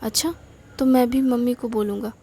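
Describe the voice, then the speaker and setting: Teasing, mock-stern big brother in a storybook squabble, mellow tone , voiced by a woman. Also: a little high, fairly even intonation, moderate pace, slightly rough. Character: teasing teenage older brother.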